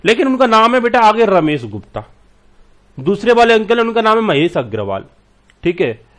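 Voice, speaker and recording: A man's voice: high-pitched, very animated, moderate pace, fairly bright tone. A man teaching a class and explaining patiently with everyday examples. He speaks to his students fondly and keeps checking that they follow. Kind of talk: classroom lecture.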